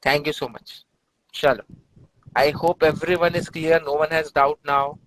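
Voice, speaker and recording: A chemistry teacher with an Indian accent runs an interactive class, encouraging students through short, repeated prompts and praise. His voice is a little high and fairly bright, with fairly even intonation at normal speed. The low-quality recording carries slight background noise.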